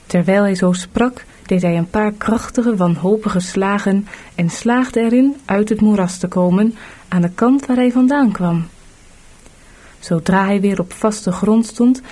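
A woman narrating a storybook audiobook in a measured, clear reading. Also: medium pitch, warm tone.

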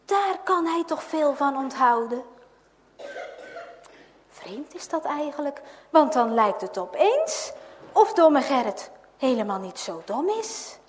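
Slow, high-voiced woman storyteller. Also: very animated, a little mellow, a little hiss or hum. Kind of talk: reading a children's story aloud. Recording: long hall reverb.

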